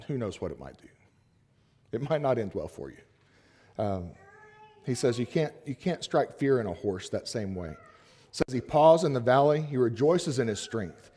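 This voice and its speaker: A man's voice: medium pitch, dark tone. A man preaching a sermon, reading scripture and retelling it in plain, joking everyday speech with chuckles between verses. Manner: casual, joking asides with laughs.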